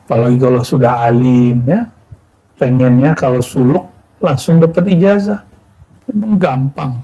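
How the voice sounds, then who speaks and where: A man delivers a religious talk in an unhurried, conversational teaching style. His voice is mellow and warm, sitting a little high for a man. He poses questions to listeners and answers them himself. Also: low-quality recording. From Indonesia. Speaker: preacher. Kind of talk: sufi sermon.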